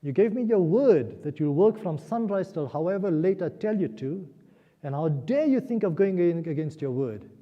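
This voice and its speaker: A man's voice: high voice, expressive, moderate pace, voice pushed up. A man voicing a stern, scolding Brahman master. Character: harsh, demanding male Brahman master. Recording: dull lo-fi audio in a reverberant hall.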